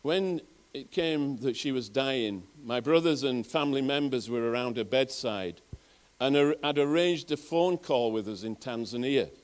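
A man's voice: medium pitch, normal speed, hardly any pauses. A middle-aged man preaching to his congregation in a Northern English accent. He tells personal stories earnestly, circling back and restarting his words as he goes. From England. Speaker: pastor. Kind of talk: sermon.

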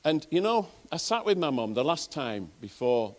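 A man's voice: a little high, very animated, normal speed. A man with a Northern English accent, preaching a sermon and telling personal stories in an earnest way, often restarting his phrases. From England. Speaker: pastor.

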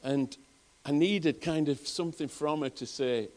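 A middle-aged pastor from England, with a Northern English accent, preaches a sermon to his congregation. His voice is a little high and a little mellow, measured in pace, as he earnestly tells personal stories, circling back and restarting his words.

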